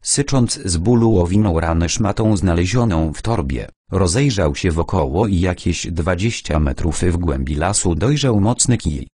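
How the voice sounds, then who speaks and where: A man narrating an audiobook in a calm, even storytelling manner. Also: deep voice, normal speed, few pauses, slightly rough, no room sound, studio quality.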